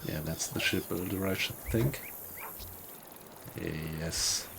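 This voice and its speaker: Man, very low gravelly voice, casual game commentary, thinking aloud, noisy background. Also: slow pace. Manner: musing to himself, asking himself questions. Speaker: gaming video host.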